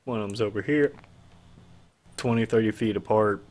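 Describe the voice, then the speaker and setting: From a home stream setup, a man serves as game master for a streamed tabletop game, narrating in a relaxed, rambling way with fillers. His pitch is fairly low and his speed normal.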